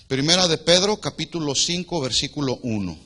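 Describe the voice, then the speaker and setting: A man preaching a sermon to a congregation as their pastor. He asks the people questions, waits for their answers, and swings between loud emphatic lines and quiet asides. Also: on the high side, expressive, fairly quick. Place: church hall before a congregation.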